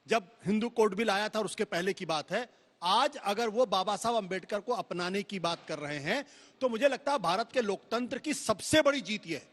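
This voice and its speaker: A man with a fairly high voice speaks on a televised debate panel as if he were giving a speech. He builds his point with repeated phrases in a measured cadence, and long hall reverb trails each line. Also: a bit bright.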